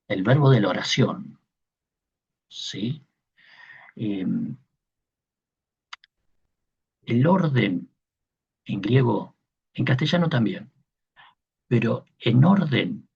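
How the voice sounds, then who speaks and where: A male teacher gives a patient class, pausing often to check that his listeners follow. His voice is gravelly and very husky, and his speech is slow and unhurried. The sound is dull and lo-fi. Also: mid-range voice, darkish tone. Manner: patient explaining, frequent checking questions. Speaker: teacher of Koine Greek. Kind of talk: online class lecture.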